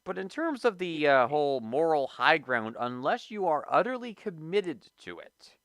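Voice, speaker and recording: A woman's voice: sits low, big pitch swings, normal speed, no echo. A woman hosting a livestream show, ranting sarcastically in casual chat and laughing often.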